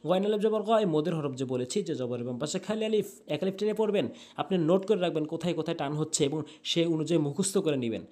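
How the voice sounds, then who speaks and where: A man's voice: a little high, a little mellow. Earnest man teaching recitation. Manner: drills sounds slowly and repeats them; earnest, coaching tone. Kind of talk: tutorial lesson.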